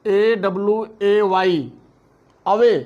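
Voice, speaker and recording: A man with a high voice teaches phonics at a very slow, deliberate pace. He spells each word letter by letter before saying it. The recording sounds dull and lo-fi. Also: little pitch movement, darkish tone. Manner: spells words letter by letter, then says them slowly. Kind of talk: phonics lesson.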